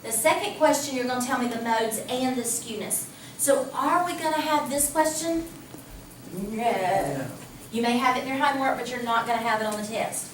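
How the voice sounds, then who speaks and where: A woman math teacher giving a lively classroom lecture, talking casually and asking the class questions. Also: on the high side, moderate pace. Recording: echoey classroom from a distance, faint hum.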